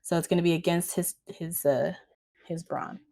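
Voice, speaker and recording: Female tabletop game master, lower register, informal improvised narration. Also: fairly even intonation, moderate pace, mellow.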